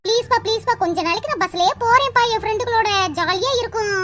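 A woman's voice: very high-pitched, quick pace. A woman voicing a generous young girl in a cartoon, giggly and pleading. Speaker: cartoon voice actor. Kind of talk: Tamil cartoon dubbing. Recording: loud background hiss.

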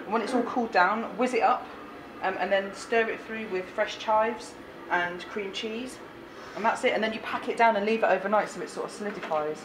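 A woman's voice: medium pitch, brisk. A woman, a cafe owner chatting casually and explaining her recipes step by step, filmed in a kitchen. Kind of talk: casual chat. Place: home-style kitchen indoors. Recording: echoey kitchen, noisy background.

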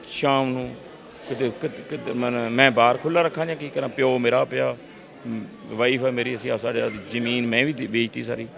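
A middle-aged man, telling lively stories in an interview and acting out voices. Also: medium pitch, creaky. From Punjab, India. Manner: lively storyteller, acts out voices, frequent restarts. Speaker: actor interviewee. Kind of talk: animated casual interview talk.

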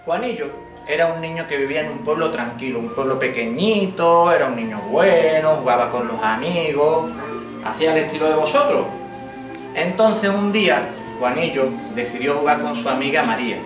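A middle-aged man tells a folk tale to a class of children, lively and interactive, with his voice set fairly high. He sounds distant in an echoey classroom, with music behind. He adds sound effects and asks the children questions. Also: moderate pace. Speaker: father telling a folk tale to schoolchildren. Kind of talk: oral storytelling to children. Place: school classroom. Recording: echoey room from far off.

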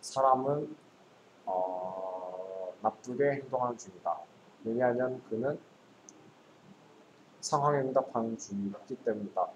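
A man's voice: medium pitch, measured pace, long pauses, lo-fi sound, slight background noise. A male student in a tutoring session, hesitantly translating English sentences aloud. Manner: hesitant, working through translations.

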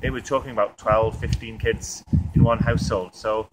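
This on-camera interview features a native Welsh-speaking man in his thirties from Wales, a tourism representative, who hesitates often with fillers and restarts. His voice is lowish and steady in tone at a normal speed. Recorded on a camera mic outdoors in a museum yard by stone buildings, the audio is low quality with outdoor noise behind it.

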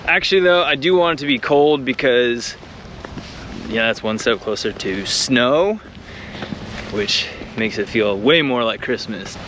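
A man's voice: mid-range voice, expressive, measured pace, background noise. Chatty young man vlogging outdoors. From Northeast Ohio. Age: young adult. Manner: chatty, upbeat, jokey. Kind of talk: casual vlog chat. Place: outdoors in a park and in a car. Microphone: handheld action camera.

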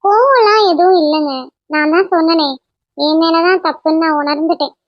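A woman voicing a young cartoon wife who talks softly and apologetically to her husband. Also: very high-pitched, a little fast, dry recording, highs cut off. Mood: apologetic. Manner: soft, apologetic.

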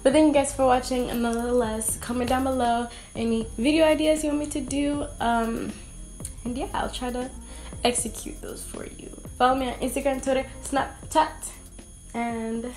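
Young woman, higher pitch, casual makeup vlog, rambling self-mocking chatter, faint music underneath. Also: fairly even intonation, moderate pace, a little mellow. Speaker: beauty vlogger. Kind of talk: casual makeup tutorial chat.

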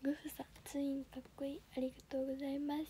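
A teenage girl with a Kansai accent chats politely on a phone-camera livestream, her voice fairly high yet mellow and dark in tone. She talks softly and often drifts into a half-whisper. A faint hiss of noise sits under her voice. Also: level tone, rapid-fire. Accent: Kansai Japanese. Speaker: audition livestreamer. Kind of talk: casual livestream chat reading viewer comments.

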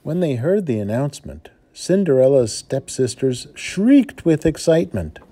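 Expressive male teacher reading aloud. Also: medium pitch. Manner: expressive, dramatic storytelling. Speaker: first-grade teacher. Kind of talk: storybook read-aloud.

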